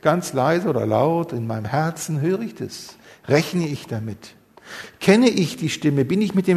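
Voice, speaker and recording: A man's voice: a little high, long reverb tail. A man preaching a sermon, earnest and full of rhetorical questions. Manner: earnest, many rhetorical questions, rising emphasis.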